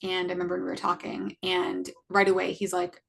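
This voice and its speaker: Gravelly young woman telling her story. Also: on the low side, monotone, a little fast, a bit bright, a little hiss or hum. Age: 20s. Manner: earnest, frequent fillers like "like". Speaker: podcast co-host. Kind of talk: casual personal storytelling.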